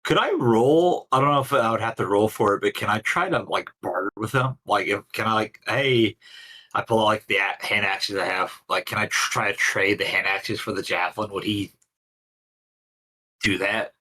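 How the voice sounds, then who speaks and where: Player, man, low-ish voice, bright tone, hesitant and rambling. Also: moderate pace, poor audio. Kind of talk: casual tabletop play.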